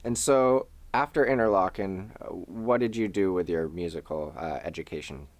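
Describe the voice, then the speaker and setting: Woman interviewer with a super low voice, relaxed short questions, dry room. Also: normal speed, no room sound. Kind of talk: conversational interview.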